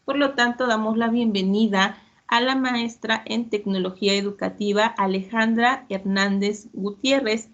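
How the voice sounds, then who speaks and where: A woman moderating an online debate, explaining in a measured way with frequent fillers. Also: a little high, fairly even intonation, dull audio.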